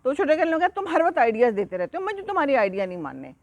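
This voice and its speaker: A woman voicing a small, stubborn young goat in a children's story, talking in a high, indignant, childish way. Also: very animated, no room sound. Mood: sulky.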